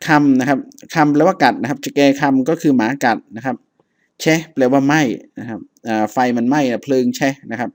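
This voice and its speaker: A man teaching a reading lesson, reading items aloud one by one and then explaining each in a patient, relaxed way, with frequent polite particles. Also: mid-range voice, fairly quick. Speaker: language teacher.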